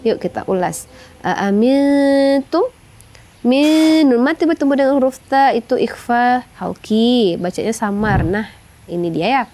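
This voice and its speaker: High-voiced woman teaching Quran recitation. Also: lively intonation, a little mellow. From Indonesia. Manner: explains slowly, adds "ya" and "gitu" often, sings verses in long melodic phrases. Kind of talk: tajwid lesson with sung recitation.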